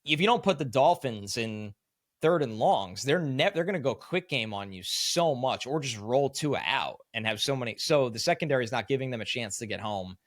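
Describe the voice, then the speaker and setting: Male podcast co-host, mid-pitched, analytical, dry close recording. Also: expressive, moderate pace, dry recording. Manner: analytical, talks in long run-on explanations. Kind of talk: casual sports analysis chat.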